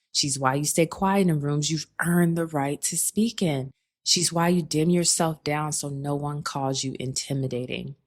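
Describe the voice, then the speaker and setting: A woman with a notably low speaking voice talks the listener through a faith-based self-help monologue. Her delivery is calm and reflective, warm in its direct address, with pet names and little "okay?" check-ins woven in. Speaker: podcast host.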